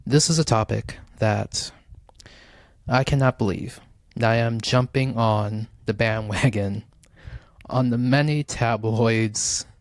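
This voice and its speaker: A man's voice: medium pitch, slow pace, no room sound, clean studio sound. A man hosting a pop culture commentary series in a casual spoken style. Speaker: host.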